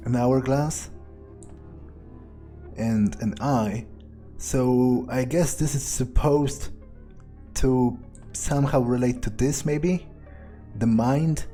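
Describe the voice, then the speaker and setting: Playing a video game in character, a man thinks aloud in a sardonic, hesitant way, swearing casually as he goes. His voice is mid-range with a dark tone.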